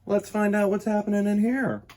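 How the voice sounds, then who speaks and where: A man running story time reads a children's picture book aloud with expressive emphasis, addressing young listeners directly. His voice is high-pitched and his pace moderate.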